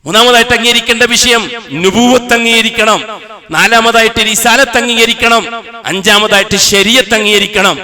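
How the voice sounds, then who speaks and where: A man preaching a Friday sermon in a mosque with a Kasaragod Malayalam accent, slowly chanting Arabic verses and then explaining them with impassioned force. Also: extremely high pitch, steady tone, bright, forceful tone.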